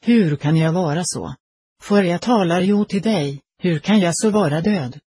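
A man's voice: high-pitched, dark tone, breathy edge, dry recording, studio quality. A man reading as a big bewildered dead soldier. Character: big frightened newly dead male soldier.

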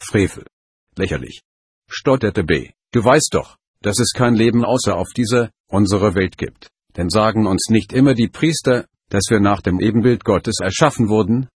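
A man's voice: on the low side, moderate pace, darkish tone, slightly rough, no echo, clean studio sound. A man reading an audiobook, voicing a scornful little creature who dismisses other life. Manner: scoffing, dismissive.

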